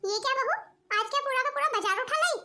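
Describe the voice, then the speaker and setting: A woman's voice: extremely high pitch, quick pace, sharp tone, a little hiss or hum, heavily acted. A woman voicing a bossy, doting middle-aged mother-in-law in a cartoon, with a scolding, commanding manner. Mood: stern. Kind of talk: cartoon voice acting.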